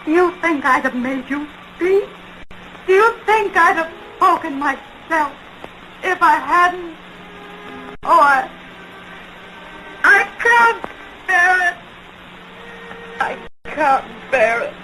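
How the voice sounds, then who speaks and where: A woman playing an anguished, lovelorn woman in an early talkie film melodrama, pleading in halting, drawn-out phrases. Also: high-pitched, lively intonation, slight background noise, exaggerated voice, poor audio. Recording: 1920s film soundtrack with loud music.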